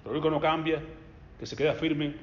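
A man preaching a sermon, swinging between loud emphatic passages and quiet low asides. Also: fast. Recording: echoey hall, slightly dull sound.

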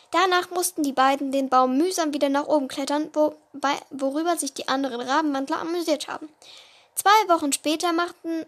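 A woman reading her own story aloud, halting and often restarting words. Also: sits high. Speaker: storyteller of a podcast-style series.

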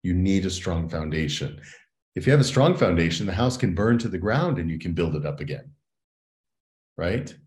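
Low-voiced male guest, an earnest educator, unhurried and reflective. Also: animated, a little mellow. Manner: earnest and reflective, often adds "right?". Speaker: educator and consultant, interview guest. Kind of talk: interview conversation.

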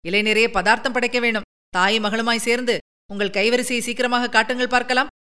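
A woman's voice: a little high, fairly even intonation, fairly quick, sharp tone, smooth. A woman reading a story, voicing a bossy middle-aged village headman giving commands. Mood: commanding.

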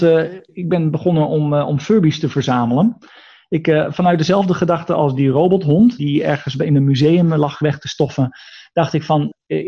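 Gravelly man, hesitant and thoughtful. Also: on the high side, mellow, lo-fi sound. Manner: thoughtful, hesitant with many fillers and restarts. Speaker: guest, artist and robot researcher. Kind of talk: conversational interview.

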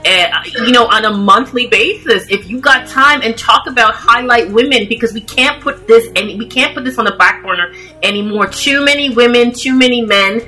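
A woman's voice: a little high, moderate pace, sharp tone, soft background music, rough recording. A woman hosting a podcast interview, encouraging and rambling, with lots of fillers. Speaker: host.

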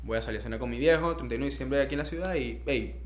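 A man's voice: medium pitch, very fast, a little hiss or hum. A young man with a Panamanian accent, casually telling personal stories as a guest, with slang and English words mixed in. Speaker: interview guest.

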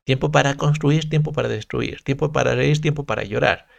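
A man speaking as a guest on a podcast, his voice gravelly with a low vocal fry. He talks earnestly and reflectively, leaning hard on his points as he works through his thoughts. The recording is dry and close, with no room sound. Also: brisk, no room sound. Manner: earnest, reflective, emphatic storytelling with restarts. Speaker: podcast guest, content creator. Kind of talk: casual podcast conversation.

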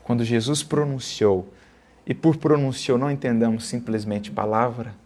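A man's voice: mid-range voice, moderate pace, darkish tone, slight background noise. A man giving an earnest religious lecture, reading a text aloud and explaining it line by line. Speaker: spiritist lecturer.

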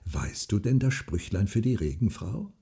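A man voicing a frail old widow who speaks softly, earnestly and secretively. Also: lowish voice, very animated, normal speed, creaky, breathy edge, full character voice.

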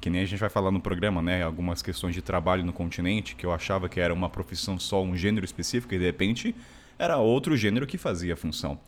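A Brazilian man with a Brazilian Portuguese accent, hosting a casual panel chat in a playful, teasing manner. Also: deep voice. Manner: playful, teasing, rapid-fire. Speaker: host.

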